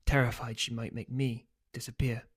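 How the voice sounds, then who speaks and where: A man reads his own novel aloud as its author. His voice sits at a middle pitch and he keeps a steady storytelling pace. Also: normal speed, slightly rough. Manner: steady storytelling, loose and hesitant when speaking offhand.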